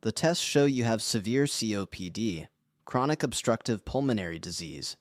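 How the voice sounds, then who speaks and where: A man's voice: on the low side, animated, moderate pace, no room sound, studio quality, natural voice. A man voicing a stern, grave lung doctor. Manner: firm, final, clinical. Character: stern male lung doctor giving grim news.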